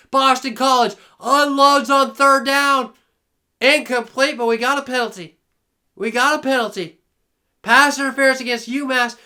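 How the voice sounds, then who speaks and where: A young man calls a video game match play by play, his voice pitched very high and bright. He sounds hoarse from shouting and keeps the hype going while chatting to viewers like a friend. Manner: hyped, exclamatory, talks to viewers like a buddy. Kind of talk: excited play-by-play commentary.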